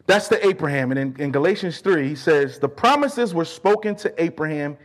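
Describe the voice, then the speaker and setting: A man preaching a sermon, fervent and emphatic, repeating key phrases for weight and moving between quieter earnest asides and raised declarations. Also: a little high, lively intonation, a little fast. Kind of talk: sermon with scripture exposition.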